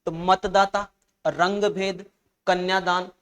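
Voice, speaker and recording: A man's voice: high voice, little pitch movement, takes it slowly, a bit bright. A man teaching an exam-prep lesson, chatty and often calling listeners "saahab" and "bhai".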